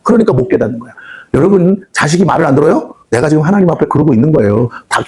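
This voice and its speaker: A male pastor preaches a fiery revival sermon in a church hall, talking fast in a husky, somewhat high voice. His pitch swings widely as he scolds the congregation bluntly and slips into acted voices of God, the devil and children. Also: big pitch swings, a little mellow. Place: prayer house church hall.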